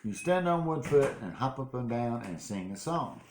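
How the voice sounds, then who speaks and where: A man's voice: medium pitch, big pitch swings, normal speed, a little mellow. An older man with a grandpa voice, playfully reading a picture book aloud and chatting as a grandfather does with a young child. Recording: roomy home recording, some noise.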